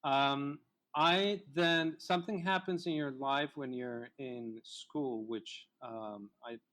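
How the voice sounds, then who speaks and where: A middle-aged man from Colombia, a native Spanish speaker, telling his life story as a guest in a relaxed interview. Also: mid-range voice, slow pace. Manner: reflective storyteller, many fillers. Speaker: filmmaker guest. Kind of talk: casual interview chat.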